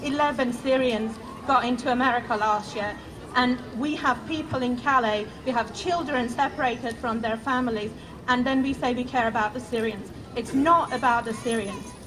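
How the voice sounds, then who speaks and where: A woman's voice: on the high side, moderate pace. Woman from iran speaking at a protest, indignant, noisy street around her. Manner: earnest and indignant. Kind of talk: rally speech. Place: outdoor square.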